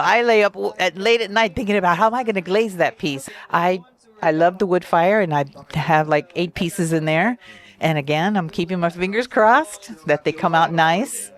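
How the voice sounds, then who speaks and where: A woman from Cuba talks earnestly and warmly about her love of clay. She speaks from the heart, with small restarts as she goes. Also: on the low side. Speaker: amateur potter. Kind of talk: casual interview. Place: outdoors at a kiln festival.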